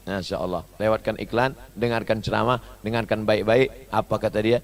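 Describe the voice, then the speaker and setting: A preacher gives a funny sermon at a slightly quick pace with a steady tone, imitating foreign phrases and shifting between loud high bursts and soft low asides.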